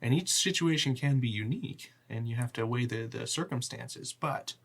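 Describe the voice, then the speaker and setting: A man's voice: mid-range voice, vocal fry, slightly rough. A man playing a devout figure who earnestly preaches about the gods and being spiritually prepared. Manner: earnest, measured sermonizing.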